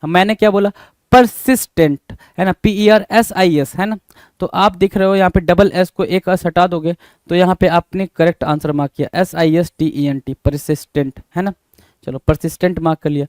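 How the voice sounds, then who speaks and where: A man's voice: high voice, fairly even intonation, normal speed, a little mellow, dry recording. Dry-voiced Hindi-accented man spelling words. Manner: spells words letter by letter, repeats words, says 'bhai' often. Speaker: English teacher. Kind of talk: spelling lesson, explaining answers.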